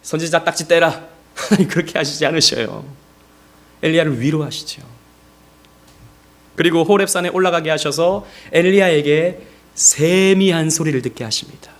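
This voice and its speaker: A man preaching a Sunday sermon as pastor, telling stories with lively animation. He speaks directly to his congregation in a voice that sits a little high for a man. He acts out the speech of the people in his stories. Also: moderate pace, pauses often. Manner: animated storytelling, acting out quoted speech.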